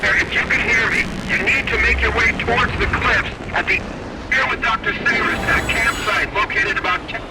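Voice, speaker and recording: High-voiced security man over crackling CB radio. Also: normal speed. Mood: urgent. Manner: urgent, clipped radio talk. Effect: over a CB radio, breaking up with interference. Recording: heavy static radio transmission.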